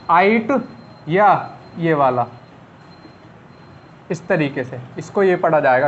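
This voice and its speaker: A man's voice: high-pitched, slight background noise. A man teaching a shorthand class in a casual, step-by-step way, often repeating himself and explaining as he writes. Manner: talks while writing on a board, repeats and explains step by step. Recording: slightly dull, lo-fi sound.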